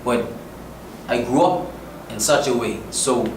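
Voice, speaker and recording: In an echoey room with faint noise and a distant mic, a Bahamian musician guest talks in a casual interview. His medium-pitched voice is lively in intonation and a little slow, and he speaks earnestly and emphatically with slang in his Bahamian accent.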